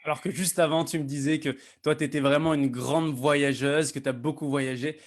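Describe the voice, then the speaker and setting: A man's voice: a little high, steady tone, a little fast. A man hosting a live online interview, upbeat and chatty, with many restarts. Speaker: host.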